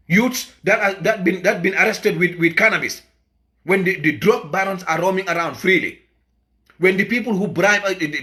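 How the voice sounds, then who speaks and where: A man's voice: high-pitched, pushed and bright. A man from the Gambia giving an impassioned political address as an activist, emphatic and repetitive, often stumbling over his words.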